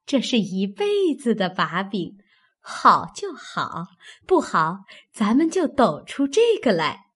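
A woman's voice: medium pitch, wildly swooping pitch, slow pace, a bit bright, husky, full character voice. A woman voicing a sly, playful young maidservant in an audiobook of a classic novel, with a teasing manner.

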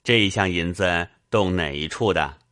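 A man reading an audiobook, voicing a self-assured young gentleman who speaks calmly and mildly chiding. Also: sits low, normal speed, dry recording, clean studio sound. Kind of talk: audiobook character voice.

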